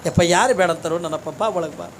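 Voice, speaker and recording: A man's voice: fairly high pitch, fast, slight background noise, voice pushed down, lightly acted. A man voicing a poor, grieving village woman who pleads humbly with a holy man. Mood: pleading.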